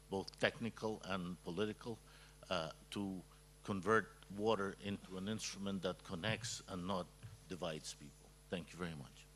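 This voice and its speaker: A man's voice: low-pitched, fairly bright tone, a little hiss or hum. A man introducing himself formally at a panel as an economist, speaking hesitantly with frequent fillers. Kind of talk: formal self-introduction at a ministerial meeting.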